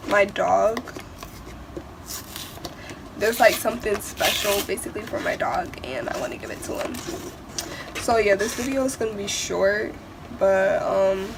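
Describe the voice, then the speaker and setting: A woman's voice: mid-range voice, background noise. A teenage girl vlogging an unboxing in a casual, rambling way, sick and stuffed up. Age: teens. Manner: rambling, many fillers.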